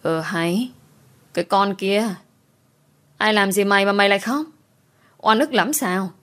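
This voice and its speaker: A woman voicing a domineering old mistress of a house, scolding in a sharp, contemptuous way. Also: medium pitch, measured pace, natural voice. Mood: scornful.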